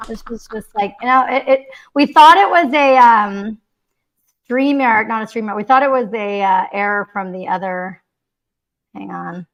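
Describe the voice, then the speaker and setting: A woman's voice: on the high side, normal speed, fairly bright tone, highs cut off. Giggly, chatty young woman host. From Mexico City, raised in the Bay Area. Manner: chatty, giggly, rambling with many fillers. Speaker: podcast host. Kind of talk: casual livestream chat.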